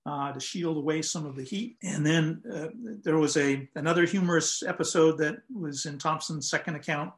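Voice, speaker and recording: An older man calmly recounting a historical event in a measured, explanatory way, with frequent ums and uhs, speaking from home over a video call. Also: fairly high pitch. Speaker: lighthouse historian guest. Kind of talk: conversational historical account. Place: home room, indoors.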